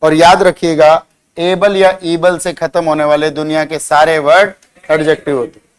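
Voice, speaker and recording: Male vocab teacher, smooth resonant voice, quizzes and ribs a class. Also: fairly high pitch, little pitch movement, normal speed. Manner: drills words by spelling them out and quizzing students; teasing, scolding banter with students. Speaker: English teacher.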